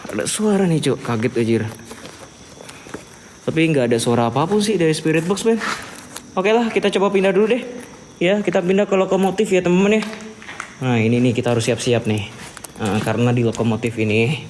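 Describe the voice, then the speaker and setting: A man's voice: fairly high pitch, brisk, pauses often, a little mellow, slight background noise. A man hosting a casual ghost-hunting vlog outdoors at an old sugar factory. He talks in slang, turning between his viewers and the spirits. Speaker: paranormal investigator vlogger.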